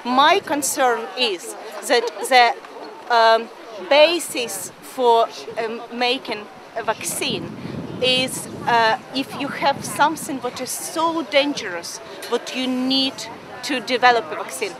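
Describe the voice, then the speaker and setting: A woman's voice: on the high side, takes it slowly, crowd noise. A woman with a Ukrainian accent, answering interview questions outdoors, hesitant and searching for words. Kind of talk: casual interview. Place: outdoors in a busy park.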